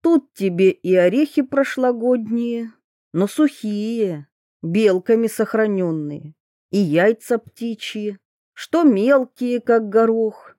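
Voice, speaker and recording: Measured female audiobook reader for a dark fairy tale, slow and warm. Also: mid-range voice, no room sound, studio quality. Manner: measured, storytelling. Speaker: audiobook narrator.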